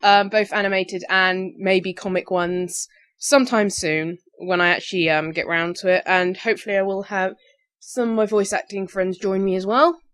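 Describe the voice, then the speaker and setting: Slightly tired and just up, this young woman answers questions about her voice acting hobby in a loose, wandering vlog. She speaks at normal speed in a medium-pitched, steady, fairly bright voice.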